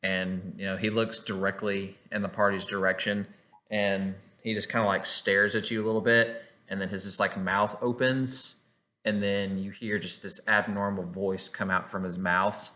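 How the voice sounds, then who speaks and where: A man narrating a tabletop game as game master. He rambles through his descriptions with plenty of "like"s and "uh"s. His voice sits a little low but sounds bright and forward. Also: little pitch movement, moderate pace. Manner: rambling, full of "like" and "uh".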